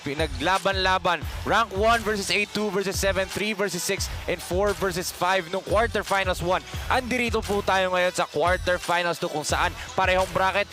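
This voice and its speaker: A Filipino man with a fairly high voice commentates live sport over clear background music. He explains things conversationally and repeats himself for emphasis. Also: normal speed, few pauses. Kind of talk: live basketball commentary in Taglish.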